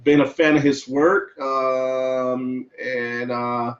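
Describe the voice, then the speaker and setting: A man hosting an interview as co-curator of an exhibition. He speaks slowly and haltingly, leaning on fillers, at a middle pitch. The audio sounds dull and lo-fi. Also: flat delivery.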